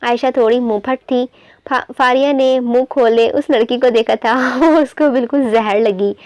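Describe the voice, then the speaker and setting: A woman reading a romance novel aloud in steady storytelling. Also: fairly high pitch, normal speed, no echo. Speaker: novel reader.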